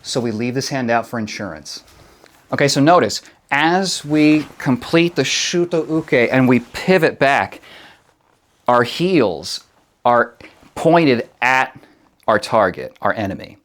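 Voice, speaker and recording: A karate instructor teaches a martial arts lesson, walking through moves step by step and checking in with short tag questions. His voice is medium-pitched, a bit bright, expressive, and slow.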